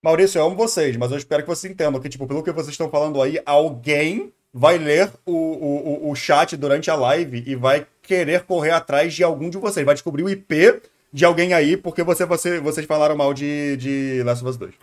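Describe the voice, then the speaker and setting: With a slightly high voice, this streamer moves briskly with few pauses as he reacts to a video. His commentary is casual, Brazilian Portuguese-accented, and full of hesitations and repeated words as he thinks aloud.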